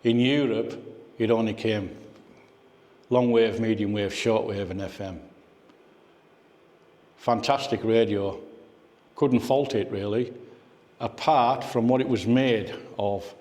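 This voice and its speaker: A man with a lowish, steady, slightly mellow voice takes his time and pauses often. As guest speaker at an indoor club meeting, he gives an informal, reminiscing talk and poses questions to the audience, with the echo of the meeting room audible.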